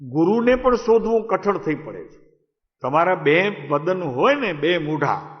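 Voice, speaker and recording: A man's voice: on the high side, very animated, measured pace. Man preaching in an echoey hall. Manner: conversational, asks listeners questions and calls on them by name. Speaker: spiritual teacher. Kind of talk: devotional discourse to a live gathering. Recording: echoey hall, dull lo-fi sound.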